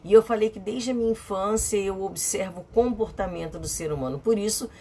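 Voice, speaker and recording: A woman's voice: mid-range voice, a little fast, warm tone, breathy edge. A middle-aged woman from Brazil talking to her viewers in a chatty, emphatic vlog monologue, repeating phrases for effect. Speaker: vlogger.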